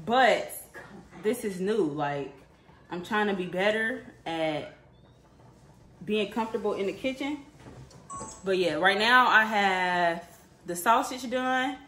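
A woman's voice: medium pitch, a bit bright, a little hiss or hum. A young woman chatting casually to her viewers while cooking in a home kitchen, calling them y'all again and again. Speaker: vlogger.

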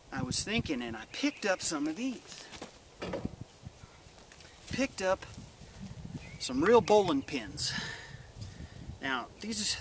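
A man in his forties talks to the camera in an easygoing, plain-spoken vlog style, his voice sitting a little high for a man. The camera mic is close, with a faint wash of background noise behind him. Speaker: channel host. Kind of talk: casual vlog. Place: outdoors in a yard, later an indoor workshop.

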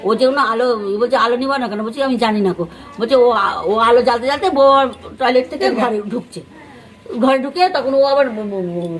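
A woman from West Bengal with a West Bengali accent, a neighbour giving a rambling eyewitness account to a news crew, full of fillers and acted-out quotes. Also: sits high. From West Bengal, India. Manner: rambling retelling with many fillers and restarts; acts out others' words in quoted speech. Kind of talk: on-the-spot news interview.

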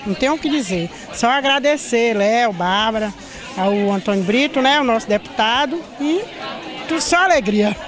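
A woman's voice: a little high, expressive, normal speed, some chatter behind. A woman in her fifties cheerfully thanking people in a street interview, into a handheld mic outdoors. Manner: cheerful, grateful. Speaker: patient interviewed. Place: outdoors at a crowded health fair. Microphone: handheld reporter mic.

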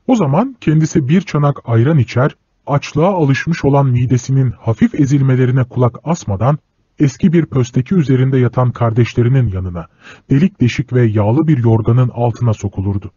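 A man narrating a literary audiobook in a steady, measured storytelling voice. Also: mid-range voice, slightly rough, no echo. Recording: dull lo-fi recording.

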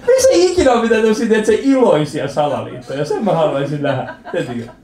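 A man in his thirties doing a stand-up comedy set in a club, telling stories with animated acted-out voices and lots of swearing. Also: on the high side. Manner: animated storytelling, acts out quoted voices, swears freely. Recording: roomy club with audience laughter.

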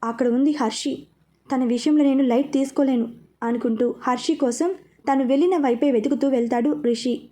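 A woman narrating a scripted story in a steady, expressive way. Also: high voice, a little fast.

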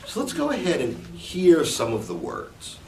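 A man teaching from scripture in a slow, reflective way, explaining the meaning of Hebrew words. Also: on the high side, wildly swooping pitch, a little mellow. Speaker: Bible teacher. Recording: echoey room, mic at a distance, faint background noise.

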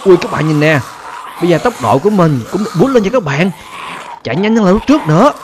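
A man's voice: sits high, expressive, fast, background noise. A man giving chatty gameplay commentary, constantly addressing his viewers. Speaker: gaming YouTuber.

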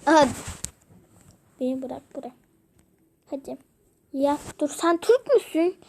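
A woman's voice: high voice, animated, slow, a little mellow, slight background noise. A young woman casually commenting as she plays a game, chatting playfully to her viewers and the characters. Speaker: gaming video creator.

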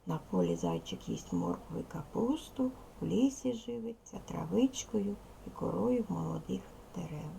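Woman, primary school teacher, heavy vocal fry, slow instructive delivery, repeats words for kids. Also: lowish voice, very animated, warm tone, slight background noise. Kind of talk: teaching a second-grade language lesson.

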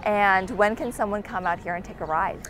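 A woman's voice: mid-range voice, fairly quick. A woman hosting a travel piece for TV, asking her guest eager questions. She is outdoors on a waterfront plaza with faint outdoor noise behind her. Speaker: TV travel segment host. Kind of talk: television interview.

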